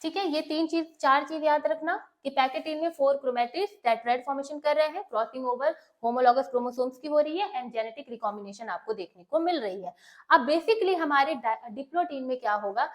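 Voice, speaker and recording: A woman teacher speaks in a high, clear voice. She walks through the lesson step by step, posing questions and answering them herself while mixing Hindi with English terms. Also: fairly quick. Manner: explains step by step, asks and answers her own questions. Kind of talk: bilingual classroom lecture.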